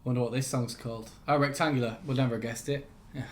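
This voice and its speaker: A man's voice: medium pitch, fairly even intonation, quick pace. A young man hosting a reaction video, talking sarcastically, mocking and swearing freely.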